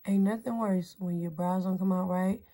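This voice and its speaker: A woman with a fairly low voice walks viewers through her makeup routine in a relaxed vlog. She keeps it chatty and playful, dropping slang and jokes as she goes. She sounds like she is talking indoors in front of a mirror. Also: moderate pace. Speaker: beauty vlogger host. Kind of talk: casual makeup tutorial chat.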